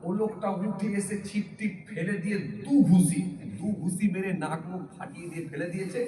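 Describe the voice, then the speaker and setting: High-voiced man preaching over a booming PA. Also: fairly quick. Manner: keeps checking with the crowd if they follow. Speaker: preacher at a religious gathering. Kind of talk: humorous storytelling sermon. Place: open-air religious gathering. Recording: booming echo through loudspeakers from far off.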